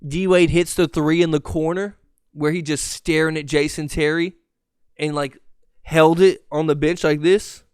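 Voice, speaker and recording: Young male podcast host, high, smooth voice, dry close sound, profane, animated storyteller. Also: measured pace, dry recording. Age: 20s. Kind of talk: casual sports podcast storytelling.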